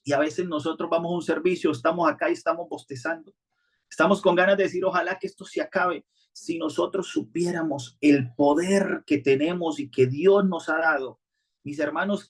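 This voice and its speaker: A male pastor, preaching a sermon in an earnest, conversational way with frequent restarts. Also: a little high.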